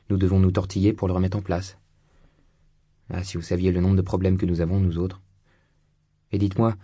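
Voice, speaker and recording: A man's voice: sits low, dark tone, dry recording, studio quality. A man voicing a prickly young hunchbacked locksmith woman. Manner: blunt, suspicious and touchy.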